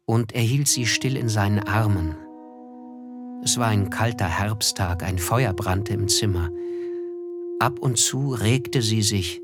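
A male actor with a lowish voice portrays a reflective, melancholy narrator who looks back. He tells a literary radio drama through measured, thoughtful phrases.

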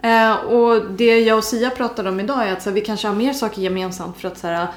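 A young woman with an Uppsala Swedish accent, co-hosting a podcast and telling stories casually, with many fillers and acted-out quotes. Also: medium pitch. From Sweden. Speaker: podcast co-host. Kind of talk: casual chat. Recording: roomy echo.

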